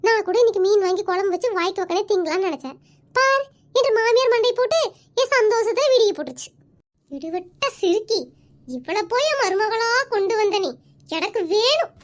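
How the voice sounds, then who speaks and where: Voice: extremely high pitch, lively intonation, brisk. A voice actor playing the scornful ghost of an old mother-in-law in a cartoon, cursing her family. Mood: grumbling.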